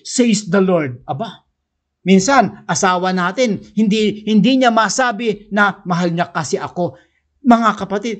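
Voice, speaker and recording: High-voiced Filipino preacher. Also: male voice. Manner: switches between Tagalog and English, slows down to read verses. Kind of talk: sermon.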